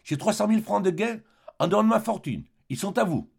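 A smug, pompous former perfumer who pursues his scheme with insinuating bitterness, as a male reader puts him on. His lively, swooping delivery has a gravelly, husky grain. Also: sits high, brisk, pitched above the performer's own voice, full character voice.

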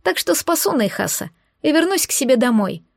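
This is a woman reading a fantasy audiobook in the first person. Her voice sits a little high, and she tells the story expressively at a measured pace. The recording is dry and close, with no room sound. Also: very animated, vocal fry, darkish tone, no room sound. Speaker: audiobook narrator.

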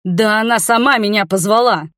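A woman's voice: mid-range voice, normal speed, a bit bright, dry recording, clean studio sound, pitched above the performer's own voice, close to an everyday voice. A woman voicing a cowardly young nobleman with a whiny, bleating voice. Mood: whining.

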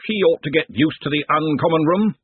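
A man's voice: a little high, fairly quick, husky, dry recording, voice pushed up. A man doing a bluff, hearty old head wizard. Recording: dry, tinny phone-like sound.

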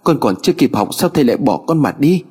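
A man's voice: mid-range voice, very animated, quick pace, a little mellow, husky, pitched above the performer's own voice. A man doing a sobbing young girl. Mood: pleading. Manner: pleading, sobbing. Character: young girl, grieving and desperate.

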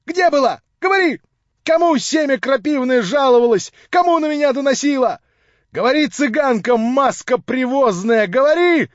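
A cruel drunken landlady screeches and scolds in a shrill, high, hysterical voice, as a man reading the book puts her on. The recording is dry and slightly dull. She sounds like a storybook villain. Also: expressive, normal speed, no room sound. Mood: ranting. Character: drunken shrieking landlady, middle-aged, cruel. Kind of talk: audiobook character voice.

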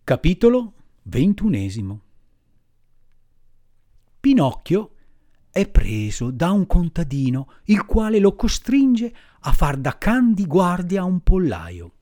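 A man reading a classic children's novel aloud in an expressive, slow storytelling manner. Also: high voice. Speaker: audiobook reader.

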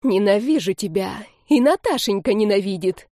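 A woman's voice: medium pitch, animated, moderate pace, dark tone, dry recording, studio quality, lightly acted. A woman playing a drunk, shrieking old grandmother. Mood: screaming hatred. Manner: shrieking curses, hateful. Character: drunk, grief-crazed, spiteful old grandmother.

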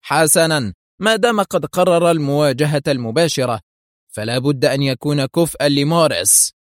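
A man's voice: on the high side, moderate pace, no room sound, voice pushed up, natural voice. A lean gunman cursing and snarling in a raised, tight voice, as a male narrator puts him on. Recorded close and dry. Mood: fierce. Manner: angry snarling. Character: thin male sniper, fierce and cursing.

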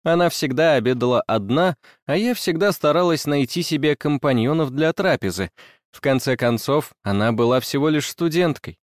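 A man narrating a first-person story in a measured, even reading. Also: on the high side, no echo, clean studio sound.

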